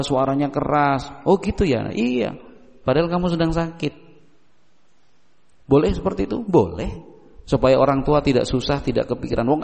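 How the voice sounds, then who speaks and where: Guy preaching q&a style, slightly high gravelly voice, long hall echo behind him. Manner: acts out parent and child dialogue in shifting voices; asks the audience rhetorical questions. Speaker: Islamic preacher answering questions. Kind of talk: casual religious Q&A lecture.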